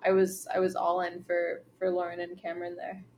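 A woman chatting casually with friends, telling stories with lively mimicry of the people she describes. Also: on the low side, fairly quick, a little hiss or hum. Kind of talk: casual chat.

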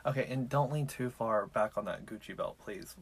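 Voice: mid-range voice, moderate pace, background noise. A podcast host chatting casually with campy, sassy, profane slang, recorded inside a small closet full of clothes. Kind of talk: casual chat and true-crime storytelling.

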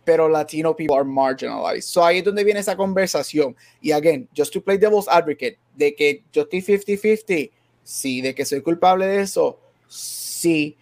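Bilingual podcast man, fairly high voice. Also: normal speed. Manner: thoughtful, switches often between Spanish and English. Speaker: podcast co-host. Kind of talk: casual chat.

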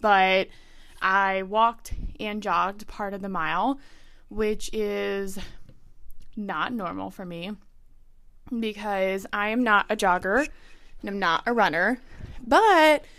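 A woman's voice: mid-range voice, slow, long pauses, a bit bright. A young woman hosting her own podcast in casual chat, bubbly and chatty, a little out of breath. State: slightly out of breath. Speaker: podcast host.

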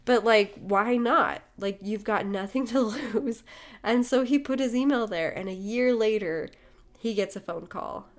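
A woman's voice: on the high side, unhurried. A young adult woman hosting a casual solo podcast, upbeat and encouraging with frequent laughs, her voice slightly nasal from a recent cold. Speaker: podcast host and small business owner.

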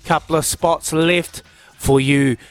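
A man hosting a radio phone-in quiz with excitable, matey, slangy banter. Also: a little high, slow pace. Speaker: breakfast radio quiz host. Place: radio studio.

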